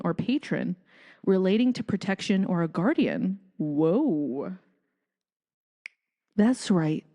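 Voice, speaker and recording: Mellow-voiced woman hosting a podcast. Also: mid-range voice, in a large hall. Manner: chatty, thinks aloud, reads passages from a book. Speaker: podcast host. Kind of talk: casual solo podcast chat.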